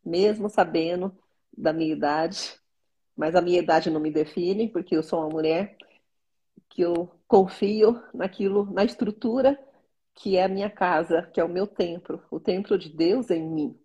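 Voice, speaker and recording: A pregnant woman in her forties with a Brazilian Portuguese accent, chatting casually in a small bedroom and reading a psalm slowly and earnestly. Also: lowish voice, mellow, slightly rough, lo-fi sound. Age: 40s. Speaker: vlogger.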